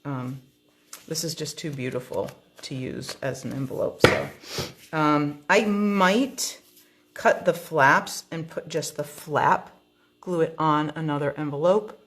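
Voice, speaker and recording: Low-voiced woman chatting through an unboxing. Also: expressive, slow, a bit bright, a little hiss or hum. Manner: chatty, thinking aloud with frequent ums. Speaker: card-making tutorial host. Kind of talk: casual unboxing demonstration.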